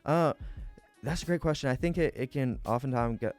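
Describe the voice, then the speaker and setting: A man in his twenties, a school board candidate answering interview questions in an earnest, measured, policy-minded way. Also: mid-range voice, darkish tone, faint music behind. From Atlanta, Georgia. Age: 20s.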